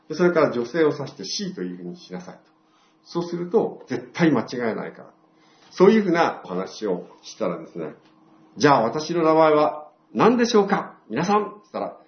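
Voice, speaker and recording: Older man, church testimony, lively storyteller, echoey muffled hall recording. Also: medium pitch. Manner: storytelling, acts out quoted dialogue. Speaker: church member giving testimony. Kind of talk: testimony talk to a congregation. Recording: roomy, dull lo-fi sound.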